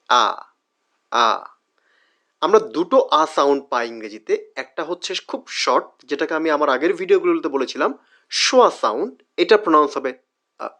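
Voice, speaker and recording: A man's voice: on the high side, a bit bright. A man teaching English pronunciation in a screen-share lesson, patiently explaining and repeating each sound and word several times for learners. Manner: explanatory, asks and answers its own questions.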